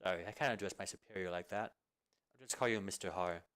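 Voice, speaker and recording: A man voicing a dutiful young female soldier who calls out loudly and speaks politely and earnestly. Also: low voice, fast talker, clear, resonant tone, voice pushed down. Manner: loud calling, polite and earnest. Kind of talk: amateur video game fan dub.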